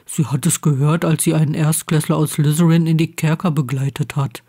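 A stubborn teenage boy wizard, blunt and grumbling, as a woman reads him in a fan audiobook. The voice sits a little lower than the narration and stays hushed, as if keeping quiet in a dark dormitory. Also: steady tone, fairly quick, breathy edge.

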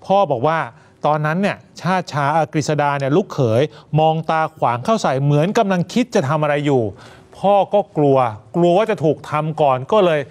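A man's voice: on the high side, fairly quick, a little mellow, clear, resonant tone. A man co-anchoring the news, recounting a statement briefly. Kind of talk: news commentary.

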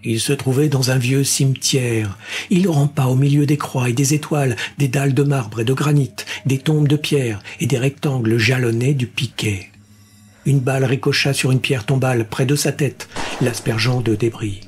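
A man reading a science fiction story aloud as an audiobook narrator in a measured, even way. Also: mid-range voice, slightly rough. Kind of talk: scripted narration.

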